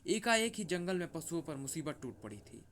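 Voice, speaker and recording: A man's voice: on the high side, big pitch swings, normal speed, a bit bright, a little hiss or hum. A man narrating a comic story in a dramatic, theatrical storytelling style. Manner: theatrical, shifts voice between characters.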